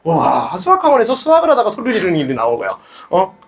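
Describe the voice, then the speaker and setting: Brief: young male math tutor, high and animated voice, muffled classroom recording. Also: fast talker, vocal fry, breathy edge. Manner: lively, coaxing, rallies students with shouts. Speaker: math academy teacher. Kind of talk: classroom lecture. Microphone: speaker amplified mic.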